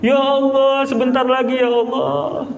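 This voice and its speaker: A man's voice: very high voice, fairly even intonation, fairly quick, muffled recording, voice pushed up. A man voicing a melodramatic young man who wails prayers as he faces death. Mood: wailing. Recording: echoey prayer room with crowd.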